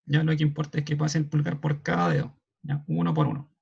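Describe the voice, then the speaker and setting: A man with a Chilean Spanish accent explaining signs in an online class, checking in often with a quick questioning "ya". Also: a little high, flat delivery, gravelly, a little mellow, husky. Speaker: sign language class moderator. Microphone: video call. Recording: dull lo-fi video call audio.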